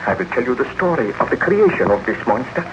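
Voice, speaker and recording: A man's voice: mid-range voice, big pitch swings, fast talker, close to an everyday voice. An actor playing a remorseful baron and scientist confessing his crimes, declaiming solemnly in 1930s radio horror style. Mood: fervent, tormented. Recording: dull, noisy old 1930s radio recording.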